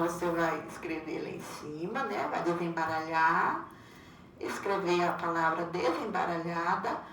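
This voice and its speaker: A woman's voice: mid-range voice, slight background noise. A Brazilian woman teacher giving a patient video lesson to children, repeating each instruction and often checking with "né?". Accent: Brazilian Portuguese. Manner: patient, repeats instructions, many "né?" tag questions. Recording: roomy echo, far from mic, faint ambience.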